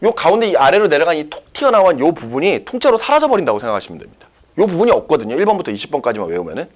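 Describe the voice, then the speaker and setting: Lively male science teacher lecturing. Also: fairly high pitch. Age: young adult. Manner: lively, checks often with students. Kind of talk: classroom lecture.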